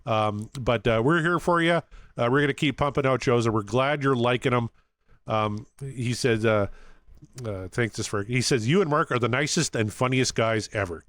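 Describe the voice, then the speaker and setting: A man co-hosting a podcast in casual chat, earnestly giving friendly shout-outs to listeners. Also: medium pitch, no echo. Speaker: podcast co-host.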